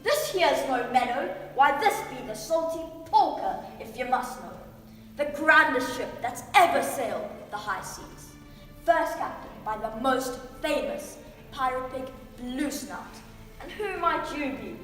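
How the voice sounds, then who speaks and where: A woman's voice: sits high, animated, a little slow, a bit bright, distant mic, soft background music. A woman voicing a swaggering pirate pig captain, growling with pirate talk and roaring arrs. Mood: scheming. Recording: roomy echo from off mic.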